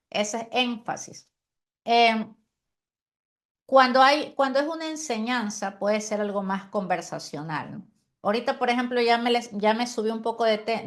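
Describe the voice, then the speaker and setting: Woman teaching preaching with deliberate pauses. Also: fairly high pitch. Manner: animated, uses deliberate pauses and demonstrations; frequent rhetorical "¿sí?" and "amén".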